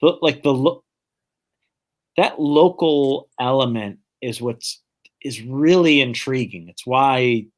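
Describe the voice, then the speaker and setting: A man from the Detroit area co-hosting a live football chat. He speaks loosely and hedges often, sprinkling in "like" and the odd swear word. His voice has an ordinary male pitch. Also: takes it slowly. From Detroit area, United States. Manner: casual, hedging, swears, many fillers like "like". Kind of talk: casual live-stream chat.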